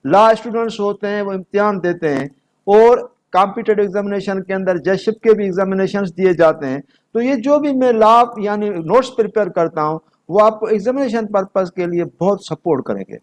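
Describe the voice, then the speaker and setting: In a high-pitched voice and at a slightly fast pace, a Pakistani-accented man teaches law, combining methodical explanation with notes read aloud. He switches between two languages as he instructs.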